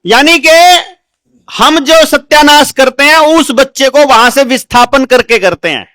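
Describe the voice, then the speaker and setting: A man's voice: extremely high pitch, a little slow, sharp tone, dry recording, studio quality. A man hosting the session who sums up the lesson and drives it home with rhetorical questions. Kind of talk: explaining to an audience.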